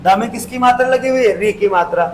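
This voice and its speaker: A male teacher giving an exam-prep grammar lesson, explaining step by step, repeating key terms and drawing sounds out slowly. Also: very high-pitched, a little hiss or hum, rough recording.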